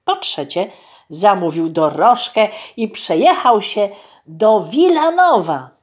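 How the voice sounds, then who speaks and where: A woman telling a fairy tale to children in an expressive storytelling voice. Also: medium pitch. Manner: expressive, unhurried, addressing children.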